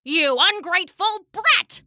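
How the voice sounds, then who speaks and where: A woman's voice: high voice, sing-song, measured pace, bright, forceful tone, no echo, studio quality, pitched above the performer's own voice, full character voice. A woman voicing a jealous goddess who poses as an old woman, haughty and indignant. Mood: sweet then scolding.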